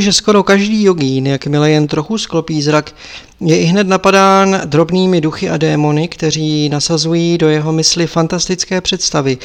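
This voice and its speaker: A man reading an audiobook, voicing an old male lama abbot who admonishes his pupil in a measured, lecturing way. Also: on the high side, fairly bright tone. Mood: explaining.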